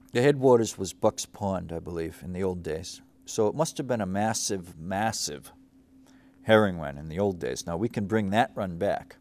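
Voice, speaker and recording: A man's voice: deep voice, darkish tone. A middle-aged man from Cape Cod hosting a local show, seated at a studio desk and wandering through reflective memories, full of fillers and restarts. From Cape Cod, Massachusetts. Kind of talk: rambling local-history monologue.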